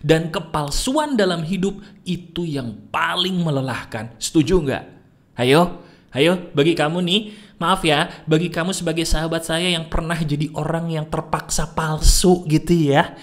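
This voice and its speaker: A man's voice: a little high, measured pace. A man giving a motivational talk, teasing and questioning the listener constantly. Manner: animated, keeps firing questions at the listener. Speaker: motivational speaker.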